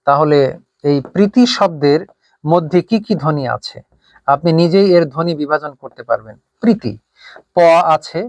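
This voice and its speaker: A man's voice: a little high, no echo. A man teaching a grammar lesson patiently, explaining step by step and asking rhetorical questions. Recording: dry, slightly dull close-mic sound.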